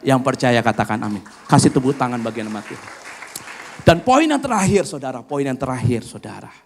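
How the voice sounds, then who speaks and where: A middle-aged male pastor preaching a sermon, swinging from loud, high exclamations to hushed asides, often calling on the congregation for an amen. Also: lively intonation, a little fast, a faint crowd, slight background noise.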